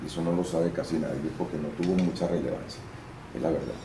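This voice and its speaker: A Venezuelan actor and voice-over artist with a very deep voice talks quickly in a casual interview, explaining things at length with some restarts. His delivery is explanatory and full of lively storytelling. The room sounds roomy, with faint background noise.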